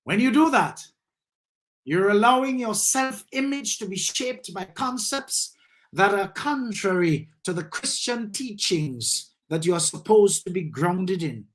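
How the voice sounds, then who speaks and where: Slow, deliberate man. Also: sits high, fairly bright tone. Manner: deliberate, measured delivery with emphatic rises. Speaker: host of a live session. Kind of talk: reflective commentary turning to motivational preaching.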